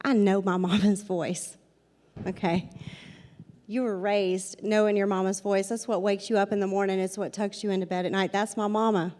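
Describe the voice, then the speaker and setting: A woman in her forties with a Southern US accent, a paranormal investigator, gives a storytelling talk straight to her audience, repeating points for emphasis. Her mid-range voice is a little mellow, with fairly even intonation at a normal speed. Long hall reverb trails her words.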